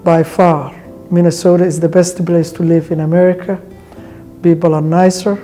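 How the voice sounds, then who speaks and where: A man delivers a composed, formal statement in a very dark, mellow voice. His pitch stays flat and steady throughout. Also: normal speed, faint music behind. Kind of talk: interview testimonial.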